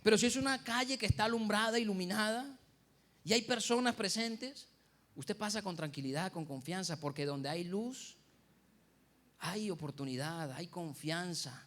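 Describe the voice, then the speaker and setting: A man's voice: high voice, normal speed, fairly bright tone. A middle-aged Colombian man, a pastor giving a Sunday school sermon full of rhetorical questions.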